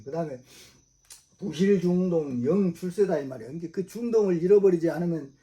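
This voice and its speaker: Dark-voiced preacher man. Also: fairly high pitch, racing. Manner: repetitive, emphatic, with frequent rhetorical questions. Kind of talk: religious sermon.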